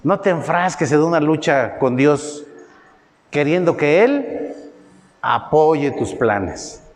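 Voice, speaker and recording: A middle-aged man with a Mexican accent preaching a sermon, telling folksy personal stories and voicing quotes with lively tag questions. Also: slow. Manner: folksy storytelling, voices quotes with rising pitch, tag questions. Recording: roomy hall with faint ambience.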